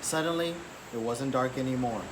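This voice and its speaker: The background is clearly noisy as a man at medium pitch reads a children's picture book aloud, his storytelling expressive and carefully paced.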